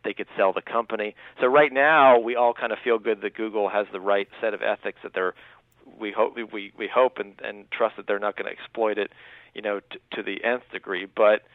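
Thirties male guest, earnest and halting, tinny phone-line audio, dry. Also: fairly low pitch, steady tone, no echo. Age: 30s. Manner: earnest, full of restarts and filler. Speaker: guest, newspaper writer. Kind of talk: radio interview, explaining. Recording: thin phone-line sound.

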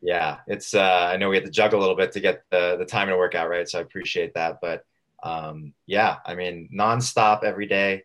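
A man from Southern California chatting casually as an interview guest, in informal, rambling, halting phrases. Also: sits low, fairly even intonation, a bit bright. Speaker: radio show guest, fitness coach.

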